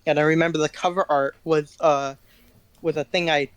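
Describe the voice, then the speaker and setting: A man's voice: fairly high pitch, steady tone, normal speed, clean tone, dry recording. A teenage boy, guest musician in an interview, telling rambling self-deprecating stories in casual chat. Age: teens.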